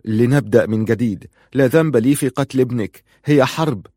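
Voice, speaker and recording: A man's voice: on the low side, no room sound, studio quality, lightly acted. A man playing a trembling captive begging for life. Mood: pleading, frightened. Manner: pleading and rushed.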